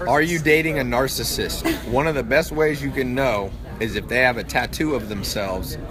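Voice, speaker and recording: A man's voice: medium pitch, normal speed, a crowd in the background. A man hosting a casual vlog, joking and quizzing friends on a night out. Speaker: vlog host.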